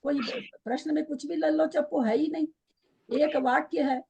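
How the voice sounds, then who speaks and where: A woman's voice: sits high, fairly even intonation, normal speed, warm tone, slight background noise. A woman teaching a scripture class online, questioning her students and patiently explaining by repeating the key terms.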